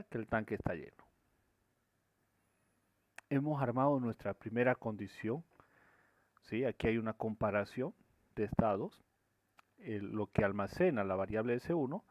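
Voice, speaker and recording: Guy walking through a coding lesson, middle pitch, keeps checking ur following, dry dull lo-fi sound. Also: no room sound. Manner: explains step by step, often checks with "¿sí?". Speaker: teacher. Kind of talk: screen-recorded programming lesson.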